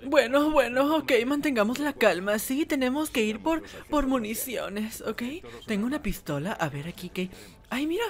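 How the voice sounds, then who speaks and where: Over game music, a woman voices Whis, a timid and fussy male angel in a comic fan animation, in a fairly high, animated voice at a moderate pace. She plays him camp and panicky-excited, sighing "ay" constantly and shrieking when he gets scared.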